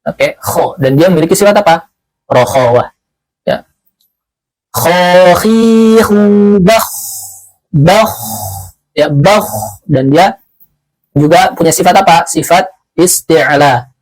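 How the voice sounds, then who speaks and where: Slow, dry-voiced man teaching pronunciation. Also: no echo, poor audio. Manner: explains slowly, then chants drawn-out syllables higher and louder. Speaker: Quran recitation teacher. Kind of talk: pronunciation lesson with drills.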